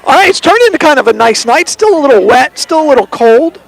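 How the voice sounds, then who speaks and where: A man doing animated, wry play-by-play commentary of a high school football game outdoors. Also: fast, gravelly, no room sound, poor audio.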